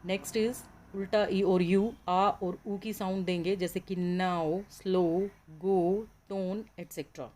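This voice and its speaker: Woman teacher, lowish voice, patient and slow, drills example words one by one. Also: steady tone, darkish tone. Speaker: English teacher. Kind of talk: classroom lesson on phonetics.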